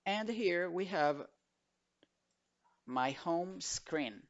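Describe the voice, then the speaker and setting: Gravelly male teacher, slow patient drills. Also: sits high, expressive, lo-fi sound. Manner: slow, drilled repetition of words. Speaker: English teacher. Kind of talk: bilingual online vocabulary lesson.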